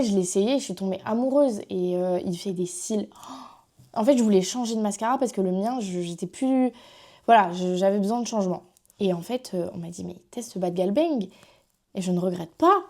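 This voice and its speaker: A young woman with a French accent talks through her makeup haul in a loose, rambling way, full of fillers and restarts. Her voice is mellow and warm rather than bright, at an ordinary pitch for a woman. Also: normal speed. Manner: chatty, rambling with many fillers. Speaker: vlogger. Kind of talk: casual makeup haul chat.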